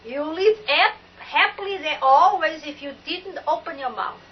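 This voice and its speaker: An older Portuguese woman with a Portuguese accent hosts a spiritual talk show, speaking emphatically and exclamatorily and drawing out her words. Her voice is high-pitched, the audio dull with a little hiss or hum.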